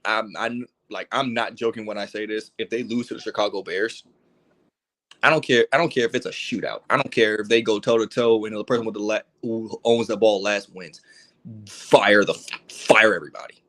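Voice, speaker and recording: A man's voice: lowish voice, fairly even intonation, a little fast, few pauses. A man hosting a casual sports podcast, ranting in an exasperated, heated way with swearing and teasing of his co-hosts. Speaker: podcast host.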